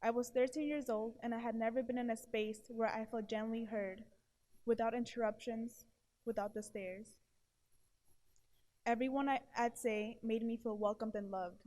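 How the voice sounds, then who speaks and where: This is a low-quality recording of a woman in her early twenties with a mellow, fairly high voice. She stutters through blocks and repeated syllables while earnestly delivering a prepared speech to an audience, giving a testimonial as an award presenter.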